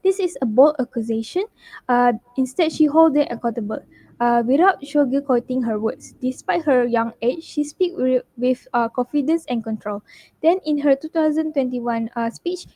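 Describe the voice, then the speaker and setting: High-voiced young woman presenting. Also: normal speed, dark tone, no room sound. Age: young adult. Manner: reads steadily with frequent uh fillers and self-corrections. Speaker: university student presenter. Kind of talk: scripted class presentation.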